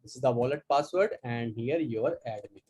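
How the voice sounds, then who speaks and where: A man instructing an online class, explaining software steps at a relaxed pace with fillers. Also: mid-range voice, normal speed, slightly rough. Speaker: course instructor. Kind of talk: live online class walkthrough.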